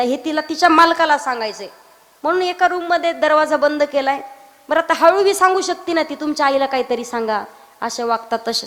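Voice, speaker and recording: A woman from Maharashtra, preaching a kirtan sermon and teasing her listeners with acted dialogue and loud outbursts. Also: high-pitched. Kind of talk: Marathi kirtan sermon with sung verses. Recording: reverberant hall.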